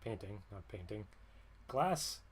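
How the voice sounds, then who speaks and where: A man with a lowish, slightly rough voice streams a casual monologue, very animated yet taking his time. He rambles wryly and often stops mid-sentence to correct himself.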